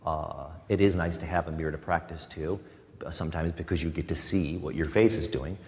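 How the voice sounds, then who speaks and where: A man guiding a live yoga class, giving calm cues broken up by chatty, joking asides to his students. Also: rumbling low, brisk. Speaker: yoga instructor. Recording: long reverb in a studio room.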